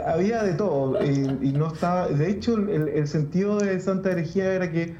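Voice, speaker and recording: A Chilean man, a Lutheran pastor, talking reflectively in a casual interview with many restarts and pauses. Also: fairly high pitch, dark tone, roomy sound, highs cut off.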